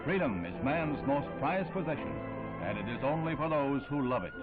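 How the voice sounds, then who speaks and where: A man's voice: medium pitch, very animated, moderate pace. A man narrating an old newsreel in a solemn, emphatic, dramatic way. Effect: old newsreel sound. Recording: tinny old newsreel audio with music.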